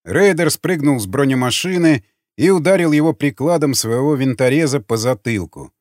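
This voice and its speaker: A man reading an audiobook in steady, dramatic storytelling. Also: mid-range voice, moderate pace, dry recording, studio quality. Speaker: audiobook narrator. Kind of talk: audiobook narration.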